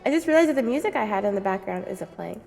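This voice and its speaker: A woman's voice: mid-range voice, expressive, quick pace, vocal fry, darkish tone, soft background music. A woman streamer chatting casually with viewers, giggly and rambling, stumbling over words, her voice echoing through a cave. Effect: cave echo. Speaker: livestream host. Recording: long echoing cave reverb.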